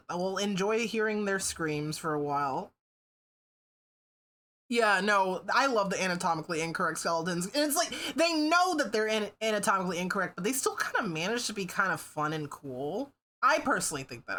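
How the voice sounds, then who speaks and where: A woman's voice: mid-range voice, bright, forceful tone. A woman livestreamer chatting casually with her viewers, swearing freely and laughing often. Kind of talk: casual stream chat.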